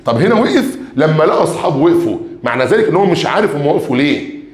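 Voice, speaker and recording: A man's voice: fairly high pitch, very animated, rapid-fire, roomy sound. A man with an Egyptian Arabic accent teaching an exam revision lesson. He talks straight to his students and stretches out key words one by one as he reads a question aloud. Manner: addresses students directly, calls for blessings on the Prophet.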